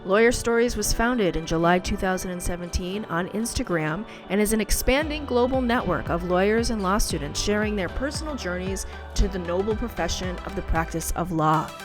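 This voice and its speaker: A woman's voice: mid-range voice, expressive, a little fast, few pauses. A woman reading a polished, scripted podcast introduction. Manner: polished announcer delivery. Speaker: show announcer. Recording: voice over clear music bed. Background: music.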